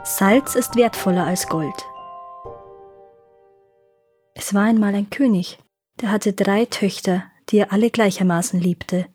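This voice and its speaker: A woman hosting a podcast, reading fairy tales in calm, clear storytelling narration. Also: medium pitch, normal speed, soft background music. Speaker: podcast host and fairy-tale reader.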